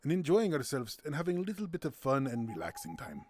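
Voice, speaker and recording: A man's voice: on the high side, big pitch swings, fast talker, darkish tone. A man hosting a casual game night on his stream, playful and giggly, tossing in silly sound words. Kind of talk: casual gameplay commentary.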